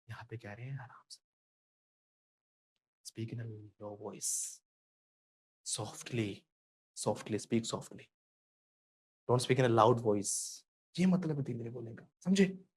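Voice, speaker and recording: A man's voice: medium pitch, darkish tone. A man with an Indian accent teaching a spoken English lesson, switching between Hindi and English and having students repeat phrases.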